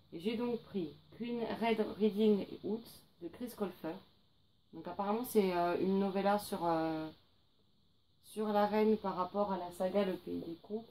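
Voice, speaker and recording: A woman's voice: on the low side, mellow, slight background noise, rough recording. A young woman chatting casually about books she bought, hesitating often with fillers. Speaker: book vlogger. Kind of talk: casual book haul vlog.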